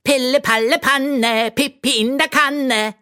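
A woman's voice: high-pitched, steady tone, slow pace, pushed and bright, clean tone, voice pushed up, exaggerated voice. A woman voicing a talking magic hat that chants silly nonsense rhymes in a sing-song way, in a children's storybook reading. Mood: silly, chanting.

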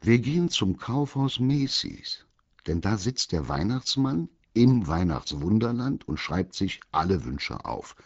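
A man's voice: lowish voice, sing-song, a little slow, no echo, highs cut off, pitched above the performer's own voice, full character voice. A man voicing a small, eager male teddy bear who always knows a way out. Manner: eager, confident, upbeat.

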